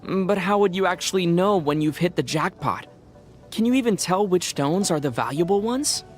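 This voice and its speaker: Low dry teasing traveler girl, woman voicing her, lively tone, faint game music. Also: normal speed, close to an everyday voice. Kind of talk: video game dialogue.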